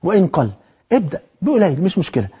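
Fast-talking husky Egyptian preacher. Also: male voice, sits high. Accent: Egyptian Arabic. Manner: animated and exhortative, with rhetorical questions to the listener. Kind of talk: colloquial religious sermon.

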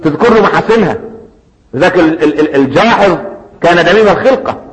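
A man with an Egyptian accent giving a lively sermon, acting out anecdotes and asking and answering his own questions. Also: sits high, fast talker, big-room sound, rough recording. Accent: Egyptian Arabic. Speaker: preacher.

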